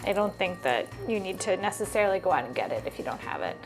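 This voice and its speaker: A woman's voice: fairly low pitch, big pitch swings, fast, faint music behind. A woman hosting a casual cooking vlog, chatty and upbeat, thinking aloud as she cooks. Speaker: cooking video host.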